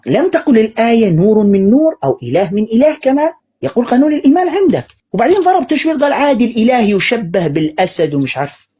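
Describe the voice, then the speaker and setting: A man preaching in a rapid, husky voice that swings widely in pitch. He mocks and drives his points home with heavy sarcasm while answering recorded clips as a polemical commentator. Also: darkish tone. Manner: mocking, sarcastic, emphatic.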